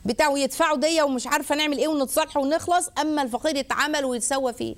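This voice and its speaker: Rapid-fire and pitched high, this female host with an Egyptian Arabic accent leads a religious advice talk. Her delivery is animated and rhetorical as she runs through points and imitates people.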